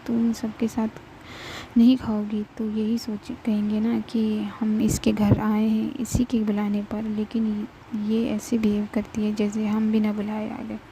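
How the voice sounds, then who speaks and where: A woman voicing a calm, firm middle-aged mother who speaks softly and coaxingly. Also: on the high side, a little slow, slight background noise, lightly acted, rough recording. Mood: soothing.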